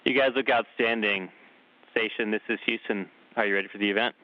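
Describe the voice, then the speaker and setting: A man's voice: fairly low pitch, steady tone, a little fast, no room sound. A man working as mission control communicator, calling over radio like a sci-fi communicator. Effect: radio transmission. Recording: dull, lo-fi radio link.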